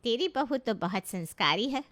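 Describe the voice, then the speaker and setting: A woman's voice: on the high side, expressive, moderate pace, a bit bright. A chatty middle-aged family friend in a storybook tale, as a woman narrator puts her on. She talks in a friendly, praising way.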